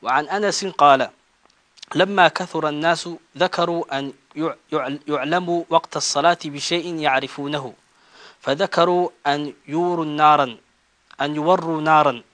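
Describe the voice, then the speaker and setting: A man's voice: fairly high pitch, steady tone, no echo. Man reading religious texts, dry sound. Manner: measured recitation, louder on chanted call-to-prayer phrases. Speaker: student reading texts aloud to a teacher.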